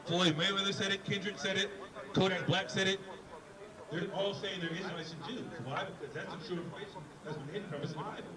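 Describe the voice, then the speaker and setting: A man's voice: high-pitched, fairly even intonation, fast talker, poor audio. A man preaching on a city street, questioning a passerby in an emphatic debate and repeating words as he drives his point home. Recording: busy street crowd behind.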